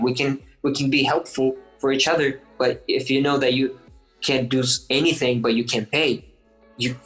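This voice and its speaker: A man's voice: medium pitch, fairly bright tone, rough recording. Eager young man telling stories. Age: 20s. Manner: eager storytelling, full of likes and restarts. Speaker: guest athlete. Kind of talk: casual interview chat.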